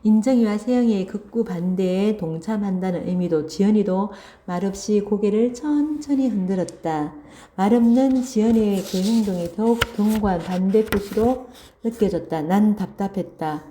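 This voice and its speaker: This Korean language teacher speaks at a medium pitch in a mellow voice. Teaching literature online, she reads a story passage by passage and explains it line by line, then slowly goes over the key words again and asks her students "그치?".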